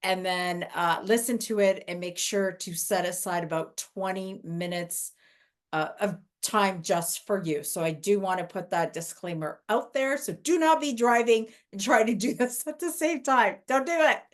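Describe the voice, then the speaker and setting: A woman's voice: mid-range voice, normal speed. Woman hosting a conversational podcast. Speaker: podcast host.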